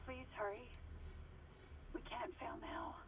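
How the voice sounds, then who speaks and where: A woman's voice: fairly high pitch, fairly even intonation, slow pace, creaky. An urgent woman in a game. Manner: urgent, pleading. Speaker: game character. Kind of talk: video game voice acting. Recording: distant game audio, loud noise.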